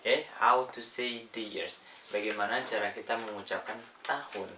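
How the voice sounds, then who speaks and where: A man from Indonesia teaching an English lesson, saying words slowly one by one and mixing in English terms. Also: on the low side, fairly even intonation, bright, forceful tone, reverberant, far from the mic, a little hiss or hum. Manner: slow, drawn-out word-by-word pronunciation drills. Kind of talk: casual spoken lesson.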